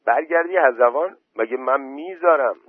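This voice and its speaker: A man's voice: mid-range voice, no echo, voice pushed up, natural voice. A man voicing a stubborn village man who refuses everyone, recorded dry through a phone-like line. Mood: defiant. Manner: defiant, stubborn. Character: stubborn young village man, fond of a dog.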